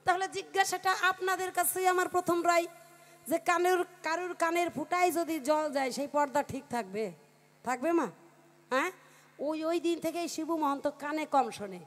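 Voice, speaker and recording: A woman with a high voice tells a comic folk tale to a live audience. She speaks into a stage microphone and keeps calling out to the listeners. Her delivery is lively and chatty. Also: normal speed. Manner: lively, calls out to the crowd. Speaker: folk performer telling a comic story.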